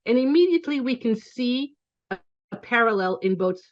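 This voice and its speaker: Her voice fairly high and expressive, a Belgian woman in her forties teaches online at a moderate pace. The video call audio is lo-fi, and she keeps it chatty, with frequent ums and self-corrections.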